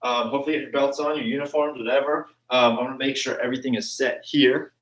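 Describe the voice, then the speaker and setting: A man's voice: medium pitch, steady tone, quick pace, a bit bright. Chatty man teaching from a basement. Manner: casual, chatty, many ums. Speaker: martial arts instructor. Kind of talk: live-streamed online class. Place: home basement with carpet. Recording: echoey room, far from the mic.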